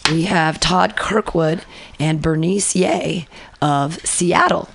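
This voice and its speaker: A woman's voice: deep voice, slow pace, gravelly, a little hiss or hum. A woman in her forties from California, a fill-in radio host, chatting in a bubbly, rambling, joking way. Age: 40s. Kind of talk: casual radio chat.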